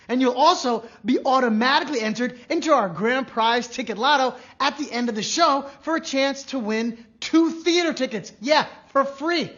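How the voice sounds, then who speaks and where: Brief: male trivia host, jokey asides, animated pitch, dull lo-fi stream sound. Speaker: trivia game show host. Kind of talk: live-streamed game show hosting.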